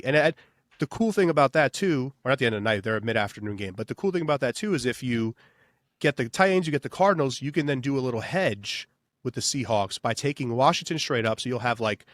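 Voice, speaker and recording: A man's voice: medium pitch, fairly bright tone, no room sound, studio quality. A man co-hosting a sports betting podcast in loose, casual chat full of fillers. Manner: loose, filler-heavy, says "baby". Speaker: podcast co-host.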